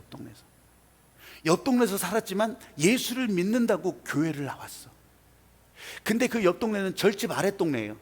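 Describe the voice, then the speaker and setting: A male pastor preaching a sermon in a church, telling a story with animated, emphatic asides. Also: sits high, breathy edge. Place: church sanctuary. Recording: reverberant church hall.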